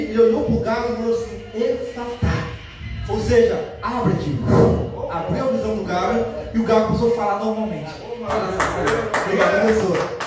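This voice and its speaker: High-voiced pastor, echoey distant hall. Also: male voice. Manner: animated, acts out the people in the story with a raised excited voice. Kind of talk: sermon. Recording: echoey church hall heard from far off.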